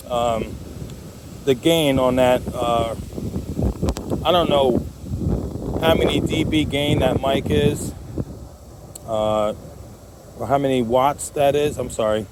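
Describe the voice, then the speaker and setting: Man, mid-pitched, casual vlog chat, rambling, jokey, hobbyist talking to viewers, faint background noise. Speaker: amateur radio hobbyist vlogger.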